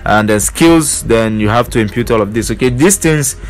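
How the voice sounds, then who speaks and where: A man with a mid-range voice, speaking at a moderate pace over soft background music, teaches a way to earn money online. His casual screen-share walkthrough leans heavily on fillers like "basically" and "you know."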